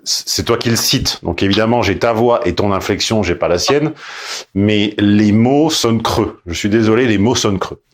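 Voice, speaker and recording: A man's voice: lowish voice, normal speed. A man coaching a caller on her dating life, blunt and emphatic, with mocking asides. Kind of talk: casual coaching call.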